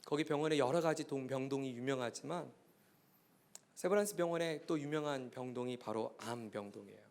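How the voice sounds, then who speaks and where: A man's voice: medium pitch, brisk, darkish tone. A male pastor telling a story in a sermon, earnest and growing impassioned and pleading.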